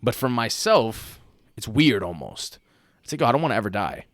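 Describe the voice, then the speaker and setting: A man in his late twenties co-hosting a podcast, chatting casually in an animated, profane, slangy way. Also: mid-range voice, normal speed, dry recording, studio quality. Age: late 20s. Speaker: podcast co-host.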